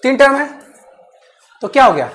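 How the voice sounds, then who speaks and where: A woman teaching maths in class. She keeps checking that students understand and repeats phrases slowly while dictating. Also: high-pitched, sing-song, fairly bright tone.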